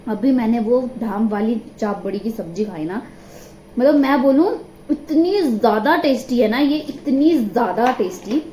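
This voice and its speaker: A woman's voice: on the high side, animated, moderate pace, warm tone, slight background noise. A young woman vlogging at home on her phone. She chats casually and gushes, repeating herself for emphasis. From Himachal Pradesh, India. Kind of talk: casual vlog chat. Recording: echoey, roomy sound.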